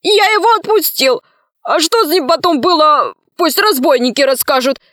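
A woman's voice: high voice, lively intonation, moderate pace, fairly bright tone, dry recording, clean studio sound, pitched above the performer's own voice. A woman voicing a cowardly, lying male ogre in a storybook reading, squealing and defensive. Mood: panicky.

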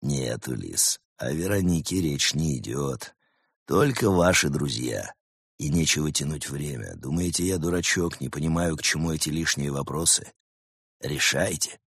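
A man voicing a sly, scheming male snow leopard who leads a cult, talking in a smug, mocking, quietly menacing way. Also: rumbling low, normal speed, slightly rough, no room sound, clean studio sound, voice pushed down, full character voice.

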